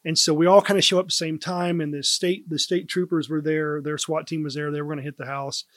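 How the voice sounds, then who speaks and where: A man's voice: a little high, quick pace, no room sound. A man, a first responder and podcast guest, telling a work story in a casual, rambling way with plenty of fillers. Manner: relaxed anecdote teller, lots of "like" and "um".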